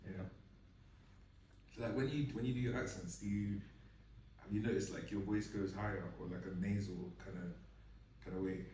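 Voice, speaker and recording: A young man as a podcast guest, laid-back and halting with frequent "um"s. His voice is on the low side. The sound is distant and echoey with a faint hiss. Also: fairly even intonation, a little mellow. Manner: laid-back, hesitant, many "um"s. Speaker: guest actor. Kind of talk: casual podcast chat. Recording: roomy sound from a distant mic.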